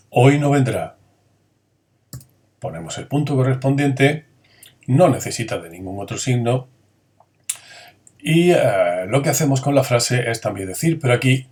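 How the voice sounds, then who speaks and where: A man teaching a grammar lesson. He asks his students questions, answers them himself, and acts out the intonation of each example sentence. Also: medium pitch.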